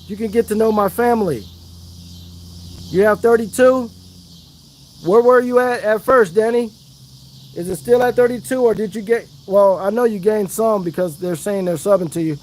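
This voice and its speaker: A man's voice: high voice, moderate pace, pauses often, a little mellow. A man chatting casually on a fishing livestream outdoors, hyping up his viewers. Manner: chatty, hypes up viewers, Southern slang. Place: outdoors by the water.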